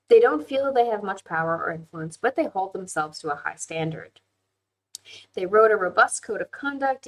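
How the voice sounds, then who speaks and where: On a low-quality recording, a woman with a lowish voice hosts a casual live online class. She reads viewer comments aloud and talks them through in a chatty, candid way, with frequent "um"s and easy laughter.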